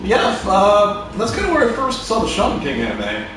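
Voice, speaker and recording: A man's voice: high-pitched, moderate pace, noisy background. A man chatting casually while playing video games with friends, telling rambling stories. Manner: animated, rambling storyteller. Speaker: gaming video co-host. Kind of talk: casual gaming chat. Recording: echoey room, distant mic, faint music.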